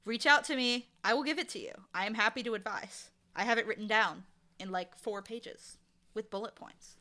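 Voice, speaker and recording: A woman with a slightly high, sharp-toned voice speaks at a moderate pace as an interview guest. She's an audio drama showrunner and dialogue editor, chatting casually with enthusiasm and emphasis.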